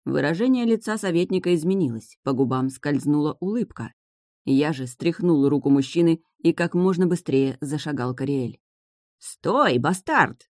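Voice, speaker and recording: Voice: mid-range voice, moderate pace, dark tone, no echo. Dry, close audiobook narrator. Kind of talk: first-person fantasy audiobook narration.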